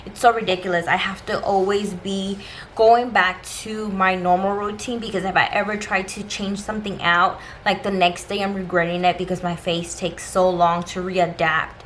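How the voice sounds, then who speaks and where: Woman doing a chatty beauty haul vlog, talks right to the viewers, medium pitch, bit of background noise. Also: little pitch movement, moderate pace, fairly bright tone. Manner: informal, conversational, addresses viewers directly. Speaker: beauty vlogger. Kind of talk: casual chatty shopping haul review to camera.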